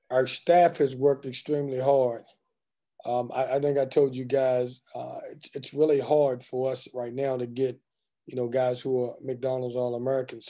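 A man's voice: medium pitch, mellow. A man in his forties, a head basketball coach, answering reporters' questions at a postgame press conference over a video call, candid and joking. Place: indoors in front of a team backdrop. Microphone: video call webcam.

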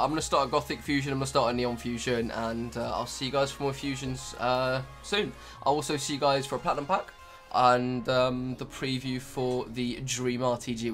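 A young man giving casual, rambling commentary over his card-game footage, full of ums and offhand remarks. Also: medium pitch. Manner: rambling, filler-heavy, offhand. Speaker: gaming YouTuber.

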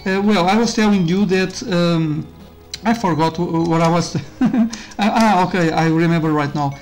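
A high-pitched man speaking at normal speed rambles casually over gameplay as a YouTuber reviewing a game, with faint game music behind him. Portuguese is his first language, and he keeps interrupting himself, using frequent fillers and laughing often.

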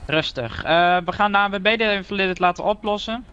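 A man voicing a calm male police officer in game role-play, soothing and a little hesitant, with a Dutch accent. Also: sits high, brisk, highs cut off, slight background noise. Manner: calming, hesitant.

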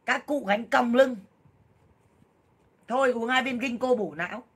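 A woman in her thirties on a casual livestream, loud, blunt and jokey, full of exclamations as she talks to viewers. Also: a little high, measured pace, breathy edge. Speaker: livestream seller and vlogger.

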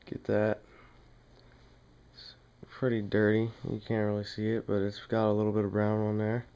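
In a small room at home, a man demonstrates a task for a how-to video, speaking in a fairly low, clean, smooth voice with very flat intonation. His hands-on tutorial talk is plain and casual, with occasional pauses as he works, and the sound is lo-fi.

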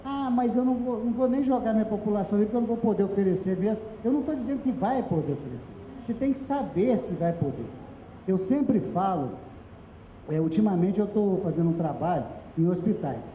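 A man's voice: sits high, lively intonation, brisk, mellow, slight background noise. A middle-aged man with a Brazilian Portuguese accent, giving an emphatic seminar presentation into a handheld microphone. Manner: emphatic, gesturing, directs slide operator. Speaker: speaker at a public accounting seminar. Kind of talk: explanatory presentation. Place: small meeting room with audience. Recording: echoey room recorded from afar, dull.

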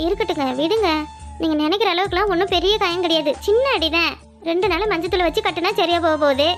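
A woman's voice: extremely high pitch, quick pace, soft background music. A woman with a Kanyakumari Tamil accent voicing a stubborn, devoted young woman in a cartoon, earnestly brushing off worry.

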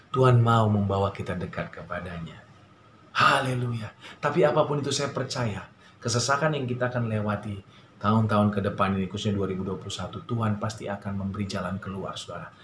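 Preaching man in a roomy hall. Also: lowish voice. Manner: conversational preaching with many fillers; animated storytelling. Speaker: pastor. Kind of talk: sermon. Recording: roomy echo, faint ambient noise.

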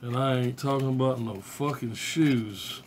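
Here a middle-aged man talks a little slowly in a mid-range voice, casually rambling about his cassette collection as a collector-vlogger and cursing without restraint. The phone camera, held at arm's length in a small bedroom, records a little hiss or hum behind his blunt, offhand show-and-tell.

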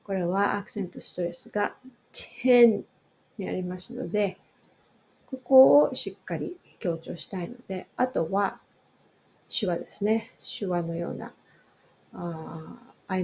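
Slow gravelly-voiced lady teaching english pronunciation, mellow tone, says each word over and over. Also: fairly low pitch, slight background noise. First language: Japanese. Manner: slow, repeats words for drill. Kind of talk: pronunciation lesson.

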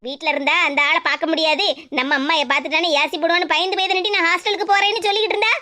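Brief: squeaky, bright scolding cartoon mother, voiced by a woman, Kanyakumari Tamil accent. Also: steady tone, racing. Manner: scolding, nagging. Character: scolding suspicious mother of a grown daughter. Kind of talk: cartoon comedy dub.

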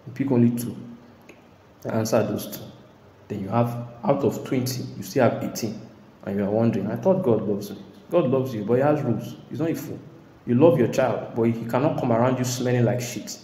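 A man preaching a sermon in an emphatic way, now and then bursting into shouts and laughter. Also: medium pitch, fairly quick. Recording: echoey hall.

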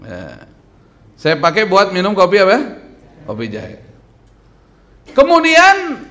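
A man in his thirties giving a lively sermon at a lectern, quizzing the audience and joking between points. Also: high-pitched. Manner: animated, quizzing the crowd, joking. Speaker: preacher. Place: mosque hall lecture at a lectern. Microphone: stand mic on lectern.

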